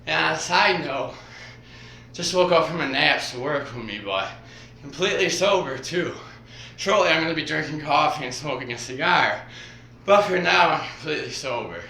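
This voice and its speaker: A man talking casually while demonstrating stretches, out of breath and rambling in halting phrases strung together with "and". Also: on the high side, expressive, vocal fry, sharp tone. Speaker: vlogger. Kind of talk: casual exercise demonstration vlog. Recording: roomy echo, faint background hiss.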